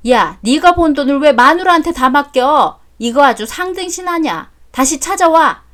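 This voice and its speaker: A woman's voice: high-pitched, expressive, normal speed, fairly bright tone, pitched above the performer's own voice. A woman voicing a brash, greedy older mother-in-law who talks bluntly and coarsely in a story drama. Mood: scolding. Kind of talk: story drama read aloud.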